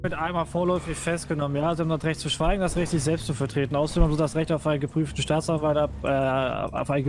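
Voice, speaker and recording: A man playing a police officer in a game roleplay, calm and officious with a mocking edge. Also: a little high, rapid-fire, few pauses. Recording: voice chat over loud game noise.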